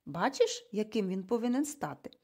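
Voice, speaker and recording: A woman voicing a bossy, brisk adoptive mother in an audiobook, with an emphatic, commanding and impatient delivery. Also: mid-range voice, very animated, dark tone. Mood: forceful. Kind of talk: audiobook character reading.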